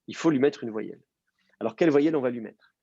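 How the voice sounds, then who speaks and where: A man's voice: mid-range voice, lively intonation, quick pace, gravelly, mellow, breathy edge, dry recording, muffled recording. A man teaching a language class, explaining step by step and quizzing his student. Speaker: Hebrew teacher. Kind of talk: live class instruction.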